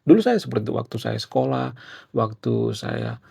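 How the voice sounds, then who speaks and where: A man's voice: mid-range voice, wildly swooping pitch, a little fast, vocal fry, warm tone, slightly rough. A young man explaining casually in a chatty way, peppering his sentences with fillers. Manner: chatty, filler-heavy, often ends with "ya". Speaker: YouTuber.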